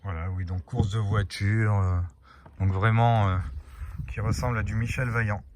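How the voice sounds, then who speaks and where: A man's voice: fairly low pitch, steady tone, moderate pace, background noise. A man casually presenting his flea-market finds to the camera, hesitant with many fillers as he lists items one by one. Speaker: video host. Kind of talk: casual haul vlog.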